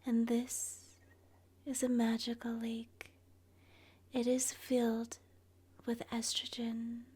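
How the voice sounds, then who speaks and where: A woman narrates an ASMR guided meditation in a soft, breathy whisper, gentle and soothing, with long pauses. Her voice sits on the high side and stays monotone.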